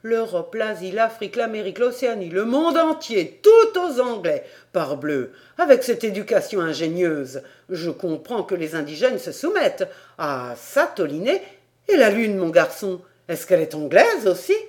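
Excitable french geographer guy, read by a woman, loud fussy outbursts, pitch jumping all over. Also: moderate pace, close to an everyday voice. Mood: excited. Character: excitable middle-aged male French geographer.

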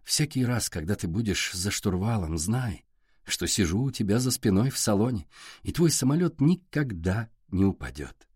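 A gentle, composed young woman speaks in a soft, hushed way, as a male audiobook narrator puts her on. The voice sits low and is recorded dry and close. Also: big pitch swings, normal speed, slightly rough, no echo. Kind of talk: audiobook character reading.

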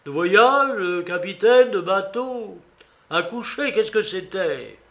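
A man voicing a cunning one-legged old sea cook who blusters and shouts in loud theatrical outbursts, in a radio reading of a story. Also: a little high, lively intonation, slow. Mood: scornful.

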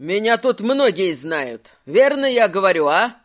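A hulking, drunken young brawler who roars every word, loud and rough, as the narrator puts him on. He drags out his lines with boozy weight, a rowdy bruiser in a spoken storybook. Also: mid-range voice, very animated. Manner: bellowing, rough, slow heavy delivery. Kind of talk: audiobook character voice.

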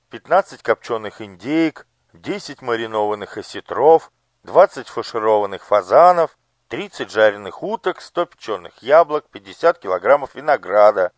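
A man's voice: mid-range voice, dry recording, voice pushed up, lightly acted. Man doing an eager little palace cook. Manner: eager, listing dutifully. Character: small fat male palace cook reciting a menu.

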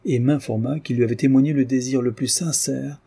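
Male narrator, measured reading, dark husky tone. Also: medium pitch, steady tone. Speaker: audiobook reader. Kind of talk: audiobook narration.

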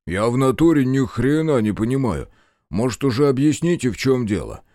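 A man's voice: medium pitch, very animated, moderate pace, warm tone, no echo, studio quality, pitched above the performer's own voice, natural voice. Man voicing a whiny hungover storekeeper. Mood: aggrieved pleading. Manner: whiny, protesting, crude slang. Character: hungover tied-up male storekeeper, aggrieved, pleading.

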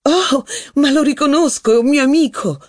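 A man voicing a capricious, mocking young actress in an audiobook reading. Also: normal speed. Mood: delighted. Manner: shrill, sarcastic, theatrical. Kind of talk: audiobook character voice.

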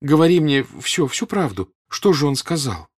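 A man's voice: on the high side, very animated, moderate pace, breathy edge, voice pushed up. A man reading an audiobook and voicing an earnest young woman who presses with worried questions.

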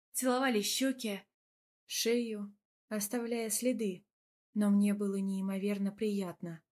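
A woman's voice: on the high side, a little mellow. Woman reading a romance novel aloud. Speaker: audiobook narrator.

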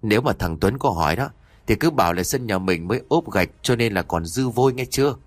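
Brief: man playing a trembling, pleading older mother, lively pitch, audio story. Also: a little fast, dry recording. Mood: firm. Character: fearful older mother, head of household.

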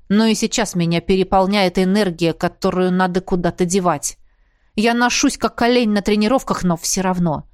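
A woman's voice: mid-range voice, no room sound, studio quality, lightly acted. A woman voicing a blunt, sardonic young male mage in an audiobook. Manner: sardonic, teasing.

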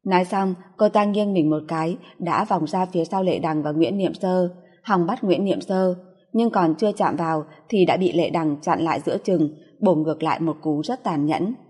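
A woman reads a story aloud in a steady, even manner. Her voice is low, mellow and breathy. A long reverb lingers behind each sentence. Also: moderate pace. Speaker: audiobook narrator. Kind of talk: scripted narration.

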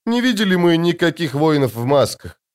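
A blunt woman lieutenant, as a male reader puts her on, short-tempered and terse. Her lines come out gruff and clipped. The voice sits higher than the reader's own but stays rough. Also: big pitch swings, normal speed. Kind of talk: audiobook narration.

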